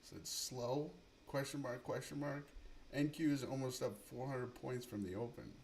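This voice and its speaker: A man's voice: mid-range voice, steady tone, moderate pace, vocal fry, a little mellow, slight background noise. A man giving profane, mumbling running commentary on his live trading stream. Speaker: livestream day trader.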